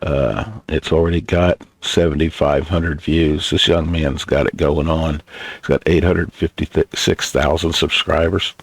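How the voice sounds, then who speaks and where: Gravelly, slow, very deep grandpa voice. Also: male voice, level tone. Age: older. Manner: halting, unhurried, blunt. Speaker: reaction video host. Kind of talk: rambling casual commentary.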